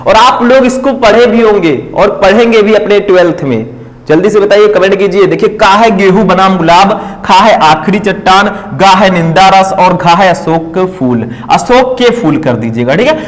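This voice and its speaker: Male tutor, fairly high voice, exam-prep lesson, keeps checking students follow, long room reverb. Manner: coaxing, asks students to comment; repeats "ठीक है" often. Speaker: teacher.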